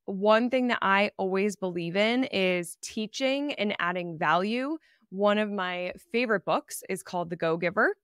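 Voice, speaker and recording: Brief: woman in her 30s, podcast host, animated chatty storyteller, smooth clear tone, dry close sound. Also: medium pitch, no room sound. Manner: animated, chatty, many "like" fillers. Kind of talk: personal storytelling monologue.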